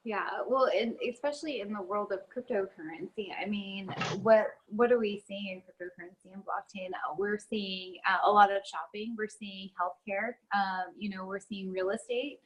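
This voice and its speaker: A woman speaking as a guest in a relaxed interview chat. Her voice is a little husky and breathy. She pauses often with ums and uhs as she works out her points. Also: mid-range voice, rough recording. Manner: talks with many ums and uhs.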